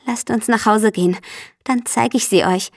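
A woman's voice: a little high, normal speed, no echo, clean studio sound. A woman voicing an anxious, earnest female friend who talks urgently and stammers.

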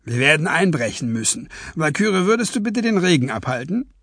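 A man voicing a calm, commanding male detective with a clipped, matter-of-fact delivery in a husky voice. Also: a little high, brisk, no echo, studio quality, pitched above the performer's own voice, full character voice. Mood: chiding.

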